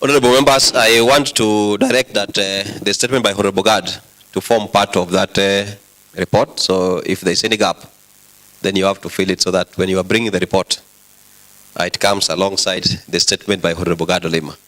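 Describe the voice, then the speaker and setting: A man with a Kenyan accent presiding over an assembly, formal and directive, with halting delivery. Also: low-pitched, steady tone, fairly bright tone, rough recording. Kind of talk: formal parliamentary rulings. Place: assembly chamber.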